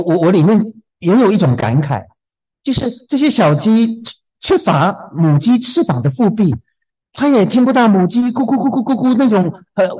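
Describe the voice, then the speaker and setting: A man preaching a sermon in a gentle, unhurried way, often repeating a word as he starts a thought. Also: high-pitched, husky, low-quality recording. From southern China.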